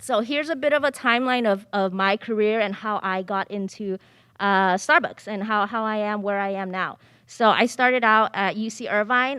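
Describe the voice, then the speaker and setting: A woman's voice: medium pitch, fairly bright tone, clean tone, no room sound, clean studio sound. A woman in her thirties giving a casual, upbeat panel talk on stage in a library theatre. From Southern California, United States. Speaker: panelist speaking on finance.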